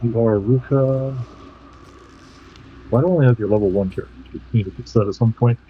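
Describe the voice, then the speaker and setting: A man narrating a tabletop game as game master in a casual, halting, descriptive way. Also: medium pitch, phone-quality sound, slight background noise.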